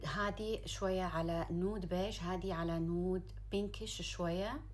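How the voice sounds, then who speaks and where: A woman with a Gulf Arabic accent chatting casually to viewers as a beauty vlogger, gushing and excitable, mixing in English words. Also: fairly low pitch. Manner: excitable, gushing, drawn-out exclamations; sprinkles in English words and phrases. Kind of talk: casual unboxing chat to viewers.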